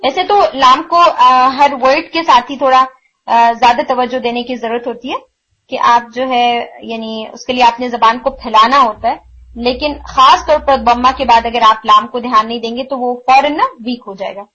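High-voiced woman teaching recitation sounds. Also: fairly even intonation, pushed and bright, dull audio. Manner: explains patiently, demonstrates sounds slowly and repeats them; mixes English words into her talk. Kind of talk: online tajweed lesson.

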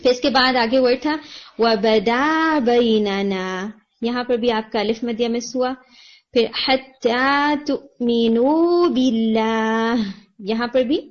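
This is a woman with a fairly high voice, teaching Quran recitation to a student over a video call. She explains each correction patiently, slowing right down to model the words. The call audio is dull and lo-fi. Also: little pitch movement. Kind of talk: online tajweed lesson, giving feedback.

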